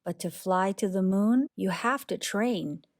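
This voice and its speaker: A woman with a mid-range voice reads a rhyming picture book for children, telling it expressively and deliberately.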